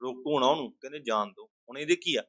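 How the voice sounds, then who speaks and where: A man teaches an exam-prep language lesson at a mid pitch. He walks through everyday examples and keeps asking and answering his own questions. The sound is dry and close, with no room echo. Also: fast talker, fairly bright tone.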